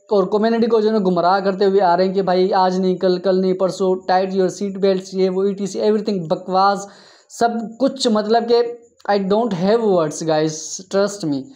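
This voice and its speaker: A man hosting a crypto app channel, narrating over a screen share in an exasperated, scolding tone, often tagging his sentences with a quick "okay". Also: high voice, a little mellow. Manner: exasperated, scolding, tags lines with 'theek hai'. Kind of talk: screen-share commentary rant.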